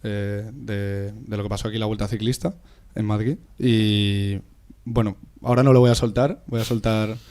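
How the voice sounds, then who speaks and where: Playful young Spanish co-host. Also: male voice, on the low side, fairly even intonation, normal speed, few pauses, a little mellow. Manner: playful, repeats phrases, jokes. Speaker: podcast co-host. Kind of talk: casual chat.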